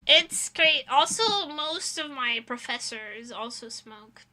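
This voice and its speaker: A young adult woman VTuber with a high, bright, animated voice chats casually with her viewers, telling rambling, giggly, informal anecdotes. She speaks slowly with a forceful tone, and the recording is rough.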